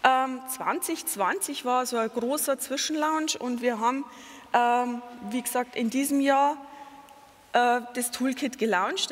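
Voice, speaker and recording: Speaking into a headset mic in a large hall, a middle-aged patient advocate from Lower Bavaria, Germany, delivers a conference talk in a Bavarian accent. She is earnest and explanatory, using many fillers and self-corrections.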